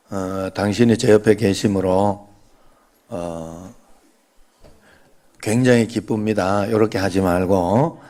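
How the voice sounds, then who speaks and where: Joking Korean pastor with a low voice. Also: male voice, darkish tone. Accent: Gyeongsang Korean. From Gyeongsang region, Korea. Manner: joking, chatty, leads the congregation in greetings. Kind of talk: sermon with playful banter.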